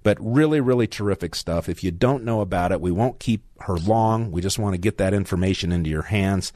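Older guy hosting talk radio, lowish voice, dry studio sound, rambly and chatty. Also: fairly quick, a little mellow, dry recording. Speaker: radio talk show guest host. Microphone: studio mic.

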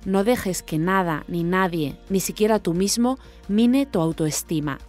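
Presentadora de podcast con música de fondo. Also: female voice, fairly low pitch, unhurried, a little mellow, soft background music. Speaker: podcast host. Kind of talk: scripted narration.

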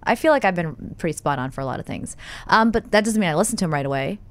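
Confident woman with a low voice. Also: expressive, quick pace, a little hiss or hum. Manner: confident, self-assured. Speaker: guest, doctor. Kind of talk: casual interview chat.

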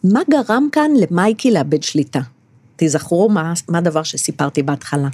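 A woman's voice: on the low side, animated, dark tone, no room sound. A middle-aged woman reading a children's book aloud and leading a discussion about it, patient and often checking in with questions. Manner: patient, asks listeners questions.

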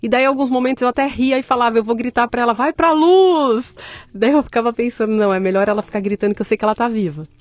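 A woman's voice: a little high, racing, few pauses, no echo. A woman, telling her story as an interview guest, candid and joking, acting out the voices of people she quotes. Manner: candid, animated, joking, acts out quoted speech. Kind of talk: conversational storytelling.

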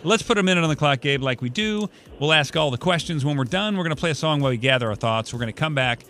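Man, radio host, bright tense voice, quick joking banter, slightly high. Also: expressive, a little hiss or hum. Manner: joking, fast-talking. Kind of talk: casual morning radio banter.

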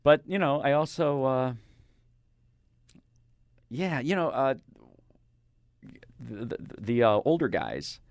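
An older man, a radio interviewer, talking in a rambling, halting way with lots of fillers and restarts. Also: medium pitch, very animated, no room sound, clean studio sound. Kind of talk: casual interview chat. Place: radio studio. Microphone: studio microphone.

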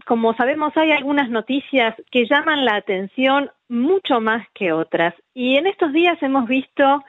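Measured female radio host, lo-fi sound. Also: on the high side, no room sound. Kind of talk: radio interview.

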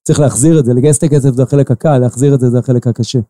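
A man in his forties with an Israeli accent, an investor answering interview questions slowly, with many filler pauses. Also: mid-range voice, fairly even intonation, mellow, dry recording. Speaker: investor guest.

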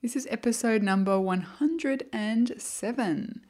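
A woman's voice: a little high, unhurried. A woman hosting a podcast in a casual, conversational style. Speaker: podcast host. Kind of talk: casual chat.

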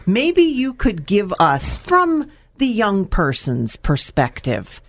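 A woman's voice: medium pitch, wildly swooping pitch, takes it slowly. A woman hosting a radio interview, asking friendly and encouraging questions. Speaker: radio host.

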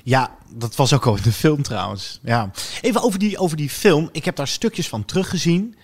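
A man's voice: on the high side, lively intonation, moderate pace, breathy edge. A man co-hosting a podcast about TV series, chatting casually and giving opinionated, descriptive reviews. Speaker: podcast co-host.

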